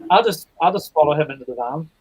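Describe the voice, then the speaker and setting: A man co-hosts a relaxed video-call chat, his voice sitting a little high. He delivers dry, deadpan jokes in an easy, understated way. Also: fast, husky, low-quality recording. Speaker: co-host.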